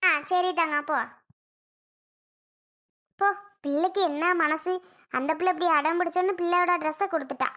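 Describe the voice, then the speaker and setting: A woman's voice: very high voice, steady tone, moderate pace, long pauses, a bit bright. Woman voicing a kind soothing aunt. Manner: soothing, coaxing, motherly. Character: kind middle-aged aunt, soothing and patient. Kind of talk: cartoon voice acting.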